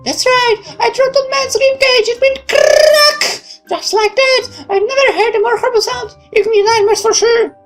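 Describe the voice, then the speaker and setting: Woman doing an excitable, squeaky-high female sidekick. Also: moderate pace, faint music behind. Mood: excited, dramatic. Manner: exclamatory, gleefully dramatic.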